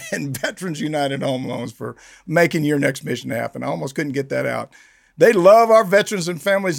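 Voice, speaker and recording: A man's voice: a little high, creaky. An older man hosting a military podcast in a jovial, gung-ho, casual way, often chuckling as he talks. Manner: jovial, chuckling, gung-ho army talk with hooah shouts. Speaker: podcast host, retired army senior enlisted leader.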